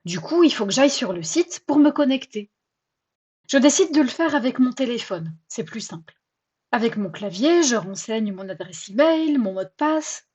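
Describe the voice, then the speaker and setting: A woman hosting a personal podcast, telling her own story in a chatty, self-mocking and expressive way. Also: a little high, moderate pace, slightly rough. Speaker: podcast host.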